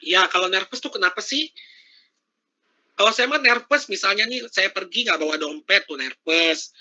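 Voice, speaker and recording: A man's voice: high voice, lively intonation, moderate pace, pushed and bright, muffled recording. A man giving a casual, interactive workshop talk over a video call. He chats freely and keeps asking his audience questions. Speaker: workshop speaker.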